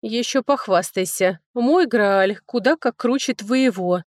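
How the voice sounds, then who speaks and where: A woman's voice: fairly high pitch, dry recording, clean studio sound, close to an everyday voice. A woman voicing a cool, composed duchess. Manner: cool, measured, softly condescending. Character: composed elder sister, a calm duchess. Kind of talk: audiobook character voicing.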